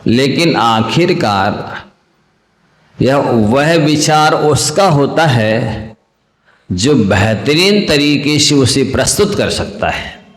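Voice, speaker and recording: Male monk preacher, unhurried sermon delivery, repeats phrases, echoey reverberant hall. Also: medium pitch, lively intonation. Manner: slow, deliberate, repeats key phrases.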